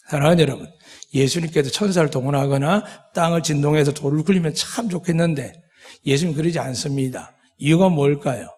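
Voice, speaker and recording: A pastor preaching a sermon, with dramatic voiced quotes and many rhetorical questions. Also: male voice, on the high side, a little mellow, long reverb tail. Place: church sanctuary.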